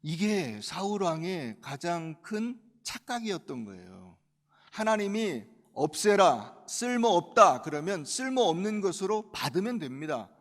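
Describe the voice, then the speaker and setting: High-voiced pastor preaching in a reverberant church. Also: male voice, sing-song, measured pace. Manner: emphatic, swings between loud and quiet. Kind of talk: sermon.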